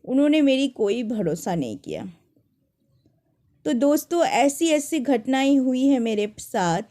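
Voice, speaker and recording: A young woman telling personal stories to viewers in a casual, animated way, often restarting her sentences. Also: high voice, measured pace. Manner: animated, dramatic retelling with many restarts. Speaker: storyteller.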